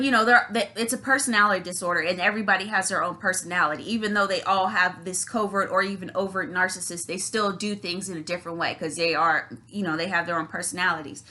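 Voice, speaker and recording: A woman's voice: lowish voice, fast talker, hardly any pauses, sharp tone. A woman vlogger talking in a casual, rambling monologue with many restarts.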